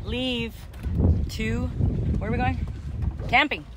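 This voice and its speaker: A woman's voice: a little high, steady tone, takes it slowly, very noisy. A woman hosting a travel vlog outdoors, chatting upbeat to her viewers and calling them y'all, recorded on an action camera or phone. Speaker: travel vlogger and host. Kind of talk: casual vlog narration to viewers. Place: outdoors at a marina and riding a jet ski on open water. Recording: background music under the voice. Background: music.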